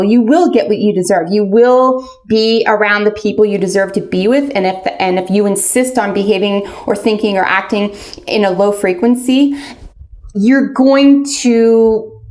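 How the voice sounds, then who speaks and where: A woman's voice: fairly high pitch, a little mellow. A woman fortune teller doing a casual spoken tarot and oracle card reading, addressing the listener directly. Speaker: tarot reader.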